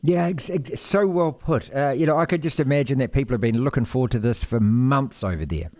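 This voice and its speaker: A man's voice: medium pitch, brisk, a little mellow. A man hosting a sports talk interview, effusive in his praise for the guest. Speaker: sports radio host.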